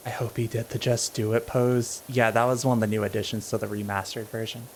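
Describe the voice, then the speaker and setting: Laid-back gravelly-voiced male streamer. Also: medium pitch, little pitch movement, fairly quick, slight background noise. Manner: laid-back, wry, thinks aloud while playing. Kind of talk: casual gameplay chat.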